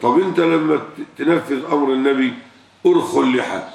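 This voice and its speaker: An older Egyptian sheikh with a heavily gravelly, fry-laden voice delivers a religious question-and-answer sermon. He drives his points home with rhetorical questions and repeated words. He sits well back from the mic in a roomy, echoing space. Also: mid-range voice, fairly quick, a little mellow. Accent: Egyptian Arabic. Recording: echoey room, far from the mic.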